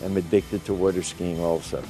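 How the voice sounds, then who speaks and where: A man's voice: sits low, level tone, moderate pace, mellow, faint music behind, poor audio. A man in his seventies, a retired doctor who water skis, speaking with wry, mock-grumbling humor. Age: 70s. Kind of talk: casual interview chat.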